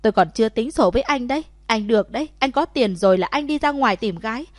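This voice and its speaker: Emotional young wife voiced by a woman, high calls, dry sound. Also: animated, moderate pace, a little mellow, no echo, natural voice. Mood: angry. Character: young wife, frightened then scolding.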